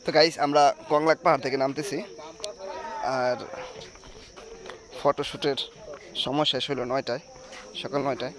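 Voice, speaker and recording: A young man from Bangladesh vlogging outdoors on a hillside, joking loudly and teasing his friends. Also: mid-range voice, steady tone, moderate pace, pauses often, a crowd in the background. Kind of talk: travel vlog narration.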